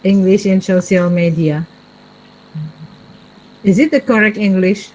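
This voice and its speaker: Slow-speaking woman lecturer. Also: mid-range voice, steady tone, a little mellow, slight background noise, poor audio. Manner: slow, pausing with frequent fillers. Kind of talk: classroom discussion.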